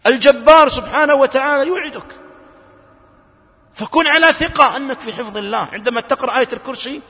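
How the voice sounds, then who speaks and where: A man's voice: extremely high pitch, fast talker, bright, forceful tone, in a large hall. A man preaching a sermon in earnest, asking his listeners question after question.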